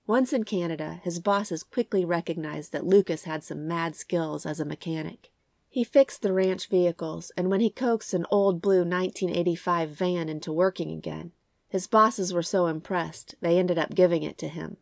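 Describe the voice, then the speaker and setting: Female true crime podcast host, lowish congested croaky voice with a cold, gravelly edges, scripted storytelling. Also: moderate pace, darkish tone, no room sound.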